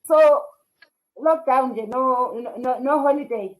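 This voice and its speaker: A woman's voice: high voice, a little slow, rough recording. Chatty South African woman host. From KwaZulu-Natal, South Africa. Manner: chatty, reads out viewer comments. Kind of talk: casual interview.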